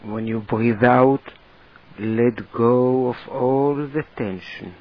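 A man narrating a guided relaxation, giving slow, deliberate instructions in short phrases with a husky voice. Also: medium pitch, highs cut off.

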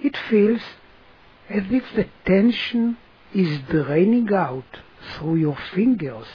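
A person guiding a relaxation session in a soothing manner, giving gentle instructions with long pauses. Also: mid-range voice, animated, lo-fi sound, slight background noise. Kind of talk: guided relaxation narration.

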